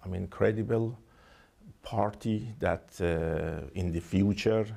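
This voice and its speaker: A man with a Persian accent, speaking English as a second language, giving formal, halting interview answers as a diplomat. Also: sits low, gravelly, mellow. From Iran. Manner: halting, hesitant phrasing with frequent 'I mean'.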